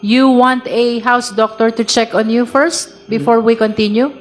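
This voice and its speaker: A woman's voice: on the high side, fairly even intonation, normal speed. A woman with a Filipino accent speaking formally as a committee chair, moderating a hearing. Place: legislative hearing room, over microphone.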